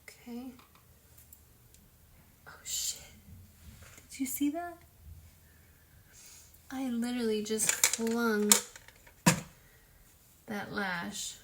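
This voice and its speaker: A young makeup vlogger chats casually at home while demonstrating her routine, talking as she works and poking fun at herself. Her voice is a little high and very slow, with frequent pauses and background noise behind her.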